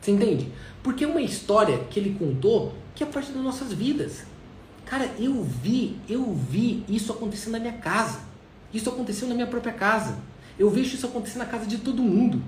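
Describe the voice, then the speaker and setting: A man's voice: high voice, lively intonation. A man with a Brazilian accent giving a motivational talk, drawing out his words for emphasis. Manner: emphatic, drawn-out stresses. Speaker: motivational speaker. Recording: echoey room, faint noise.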